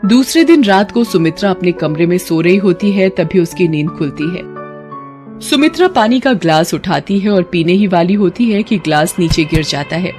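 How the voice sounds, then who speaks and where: A woman narrating a cartoon story in a plain, steady way. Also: lowish voice, moderate pace, faint music behind.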